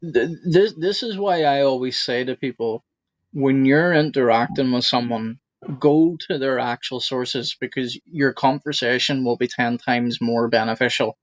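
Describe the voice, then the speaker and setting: A man co-hosting a casual discussion, giving his honest opinion frankly and deliberately over a remote call. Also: mid-range voice, no room sound. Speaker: podcast co-host. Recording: dry, dull lo-fi call audio.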